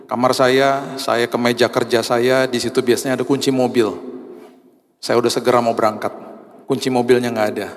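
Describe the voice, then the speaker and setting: A man delivers a sermon in a large church hall, and his voice carries a long reverb. He speaks at a middling pitch in a casual, humorous way and tells his story in everyday speech. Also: a little hiss or hum. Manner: humorous, colloquial, acts out quoted voices. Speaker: pastor.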